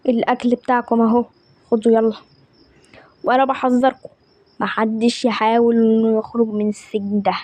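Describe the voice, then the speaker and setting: Stern prison guard acted by a woman, Egyptian accent, threatening manner, warm tone. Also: fairly high pitch, little pitch movement, brisk, long pauses, pitched below the performer's own voice, close to an everyday voice. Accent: Egyptian Arabic.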